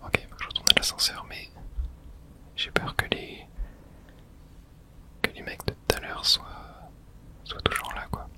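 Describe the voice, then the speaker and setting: A person thinks aloud in a breathy whisper, offering casual, hushed ASMR commentary during a video game.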